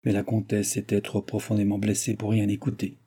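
A man reading a classic novel aloud as the narrator, in a measured, even storytelling delivery. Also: lowish voice, slightly rough. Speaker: audiobook reader.

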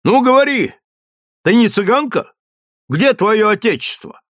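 A man's voice: on the high side, sing-song, slow, fairly bright tone, no room sound, clean studio sound, pitched above the performer's own voice, heavily acted. A man voicing a stern army sergeant who questions a peasant woman harshly in an audiobook. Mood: harsh questioning. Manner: barking, interrogating. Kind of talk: audiobook character voice.

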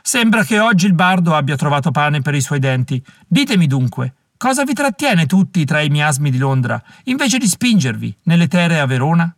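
A man's voice: fairly high pitch, sing-song, moderate pace, few pauses, no room sound, clean studio sound. A man voicing an elderly, elegant male theatre impresario in an audiobook, speaking in florid, theatrical oratory. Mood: grandiloquent.

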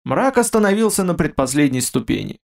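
Male narrator for a fantasy audiobook, steady and expressive, pitch a touch high. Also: brisk, creaky.

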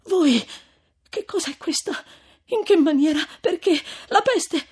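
A woman voicing a frail, pious young woman, high and trembling, crying through anguished exclamations. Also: lively intonation, measured pace, darkish tone. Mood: tearful anguish.

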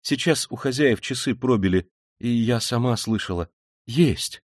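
A man reading an audiobook, voicing a timid, pious young woman who talks in a hurried, pleading way. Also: medium pitch, no echo, clean studio sound, close to an everyday voice. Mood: flustered. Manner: hurried, breathless, rising into agitated pleading.

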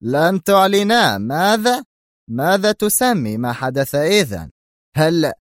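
A man reading aloud as a furious old mafia boss, slow, heavy, shouting, voice pushed well above his low natural tone, dry close sound. A storybook villain who barks every order. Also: big pitch swings, dry recording. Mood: raging. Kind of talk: audiobook character voice.

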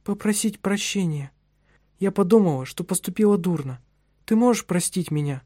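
A man's voice: lively intonation, moderate pace, mellow, no echo, studio quality. A male narrator voicing a prim, frightened young French wife in a raised, pleading voice. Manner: high pleading voice rising to shrill cries.

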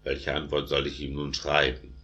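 Man reading a cunning adviser, very deep. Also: monotone, normal speed, pushed and bright, heavily acted. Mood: soothing. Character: cunning wise male royal adviser.

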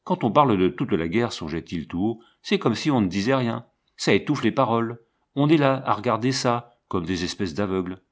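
A man voicing a weary, haunted soldier who speaks in a slow, brooding way. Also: fairly low pitch, animated. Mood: grim brooding.

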